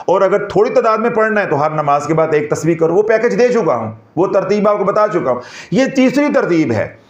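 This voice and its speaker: A man preaches in an animated way, his voice pitched a little high for a man. The recording is echoey and slightly dull, as if from a reverberant room. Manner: animated, mixes in Punjabi phrases and humor. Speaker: Islamic spiritual teacher. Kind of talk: devotional lecture.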